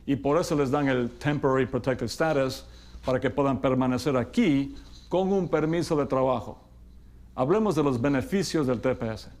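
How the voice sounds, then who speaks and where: Measured Spanish-speaking lawyer, English terms mixed in. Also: male voice, medium pitch, darkish tone. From Ecuador. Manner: measured, explanatory, slows down to stress key terms. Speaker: immigration lawyer. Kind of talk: explainer talk to camera.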